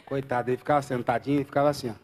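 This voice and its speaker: A man with a Brazilian Portuguese accent preaching a live church sermon, swinging from loud exclamations to quiet asides and bantering with the congregation. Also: medium pitch, level tone, very fast. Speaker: pastor.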